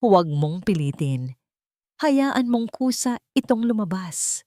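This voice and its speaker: A woman narrator voicing a calm, wise old male weaving master who gives gentle advice. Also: high-pitched, takes it slowly, dry recording, pitched above the performer's own voice, heavily acted.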